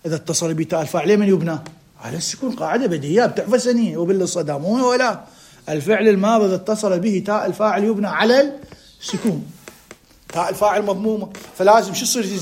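A man with an Iraqi Arabic accent teaching a grammar class, quizzing his students with quick rhetorical questions and drawing out key words for emphasis. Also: sits high. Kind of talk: classroom lecture.

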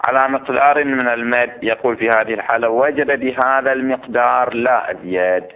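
A man's voice: medium pitch, fairly quick. A man teaching a class on recitation rules, explaining step by step and asking the students questions. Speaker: religious teacher. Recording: tinny phone-like lo-fi recording.

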